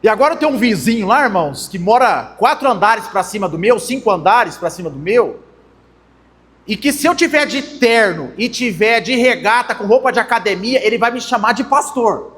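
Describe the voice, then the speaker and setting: A young adult man with a Brazilian Portuguese accent preaches a conversational sermon as a pastor, calling the congregation brothers. His fairly bright voice sits high with lively intonation at a normal speed, and the church hall gives a long reverb.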